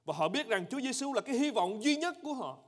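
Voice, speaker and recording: A high-voiced male pastor delivering an emphatic sermon, dropping to hushed tones and rising to ringing cries. His voice trails a long reverb through the church hall. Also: sing-song, fast talker. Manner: emphatic, swings between loud cries and hushed low lines.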